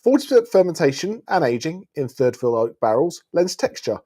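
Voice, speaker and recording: A man presenting wine, reading sommelier-style tasting notes aloud in a measured, descriptive way. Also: a little high, very animated, warm tone, slightly rough.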